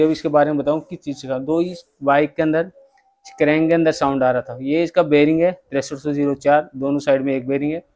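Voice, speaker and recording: A man's voice: fairly high pitch, dark tone, muffled recording. A man, working as a bike mechanic, giving a step-by-step workshop repair tutorial and addressing viewers as friends.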